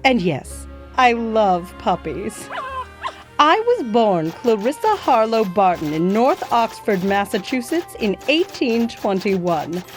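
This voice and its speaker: A woman's voice: mid-range voice, very animated, slow, soft background music. A woman playing a gracious historical nurse who tells her life story in a genteel way, calling her listener "my dear". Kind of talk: scripted educational acting.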